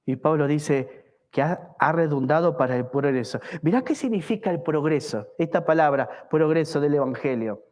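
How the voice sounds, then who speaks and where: A pastor preaching a fervent evangelical sermon at a church service, asking the congregation many rhetorical questions. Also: male voice, a little high, moderate pace, hardly any pauses, a little mellow, muffled recording.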